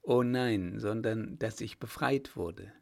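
An earnest young woman pleading softly in a storybook, read by a man in his own low voice. The delivery is slow and unhurried, with no real change of voice. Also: gravelly. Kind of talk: audiobook reading.

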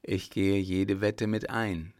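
A man voicing a scheming army captain in a spoken storybook, talking tense and hushed. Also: deep voice, level tone, takes it slowly.

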